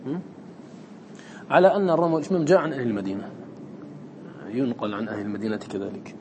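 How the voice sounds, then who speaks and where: A man's voice: medium pitch, fairly even intonation, racing, a little mellow, in a large hall, slight background noise. A man teaching students the rules of Quran recitation, who often quizzes his listeners and repeats his points. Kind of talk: lecture to students.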